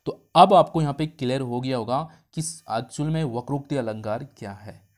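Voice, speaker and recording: Man, exam tutor, casual explaining, chatty asides, mid-pitched voice. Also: normal speed. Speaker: exam prep teacher. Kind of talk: casual spoken lesson.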